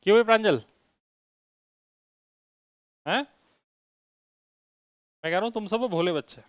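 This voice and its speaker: High-voiced man teaching physics. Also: brisk, no room sound, clean studio sound. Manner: asks students questions, teasing and joking. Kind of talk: classroom lecture with students. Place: classroom.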